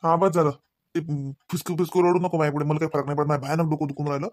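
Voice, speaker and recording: A man's voice: fairly high pitch, fairly even intonation, no room sound, clean studio sound, lightly acted. A man voicing a scolding cartoon husband. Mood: angry. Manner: nagging, lecturing, rapid scolding. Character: scolding husband Ravi, grown man, short-tempered. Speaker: voice actor. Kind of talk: cartoon voice acting.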